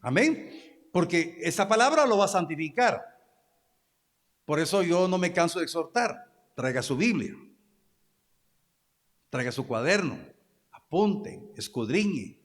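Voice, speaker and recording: High-pitched, lively Guatemalan preacher in a reverberant hall. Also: male voice. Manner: exhorting, calls for amens and agreement from the congregation. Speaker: pastor. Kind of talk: preaching sermon.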